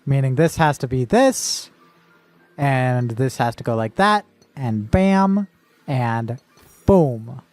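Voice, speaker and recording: Lively playful woman streamer. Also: a bass voice, slow pace, dry recording, soft background music. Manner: playful, swearing, talking through puzzle logic aloud. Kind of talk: casual live gameplay commentary.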